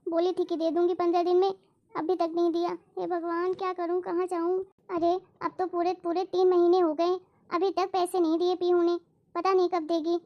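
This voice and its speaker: A woman playing a fed-up elder sister, very high voice. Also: dull audio. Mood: worried. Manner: scolding, insistent, lecturing. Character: fed-up elder sister demanding her money back. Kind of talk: acted family drama skit.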